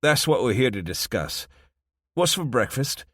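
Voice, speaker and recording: In a clean, dry studio recording, a man uses a mid-range, slightly rough and somewhat bright voice, sing-song and measured, pushed above his natural pitch in an exaggerated way. His character is the town's reluctant police chief, a wry, understated middle-aged Londoner.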